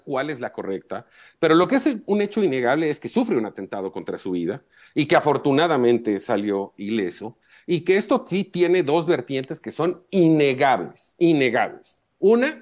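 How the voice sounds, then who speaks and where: Man, journalist guest, measured, emphatic. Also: mid-range voice, very animated, a little mellow. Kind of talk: live talk show commentary.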